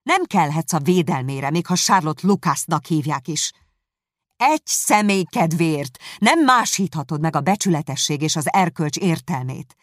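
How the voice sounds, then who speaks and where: A woman's voice: fairly low pitch, lively intonation, vocal fry, dry recording, studio quality, pitched above the performer's own voice. Elizabeth, a woman doing a spirited young woman. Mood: indignant. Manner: indignant, emphatic.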